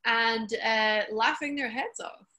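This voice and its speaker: A woman's voice: fairly high pitch, takes it slowly, pushed and bright. A woman hosting, asking long, rambling interview questions. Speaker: host.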